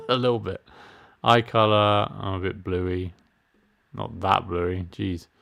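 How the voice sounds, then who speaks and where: Gravelly and fairly low, yet a bit bright, clear and resonant, the voice belongs to a middle-aged gaming streamer. He chats casually over his let's-play, making fun of himself while reading menus aloud.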